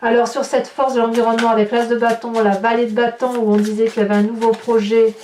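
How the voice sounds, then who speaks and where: A woman's voice: on the high side, level tone, quick pace, darkish tone, a little hiss or hum. A woman giving a chatty, reassuring tarot reading, often restarting her phrases. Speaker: tarot reader. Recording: echoey room, voice from a distance.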